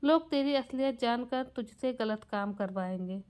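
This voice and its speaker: A woman's voice: fairly high pitch, moderate pace, a little mellow, smooth, close to an everyday voice. A woman reading a stern, protective mother. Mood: firm. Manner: scolding, curt and firm. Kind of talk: storybook narration with acted quotes.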